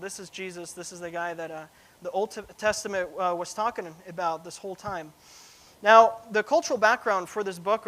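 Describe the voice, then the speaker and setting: A young man who grew up in Russia gives a church sermon. His voice sits high and rings bright. He talks casually, slipping in jokes and fillers as he teaches. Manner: casual, joking asides with fillers. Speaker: preacher.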